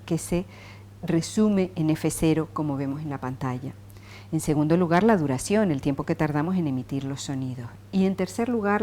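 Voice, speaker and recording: Female lecturer, low and mellow voice, measured delivery, faint hum behind. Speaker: university lecturer. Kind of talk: scripted lecture.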